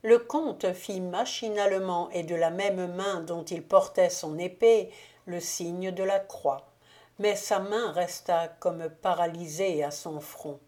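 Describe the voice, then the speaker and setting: Slow, mellow-voiced woman reading aloud. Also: lowish voice, fairly even intonation. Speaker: audiobook reader. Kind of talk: audiobook narration.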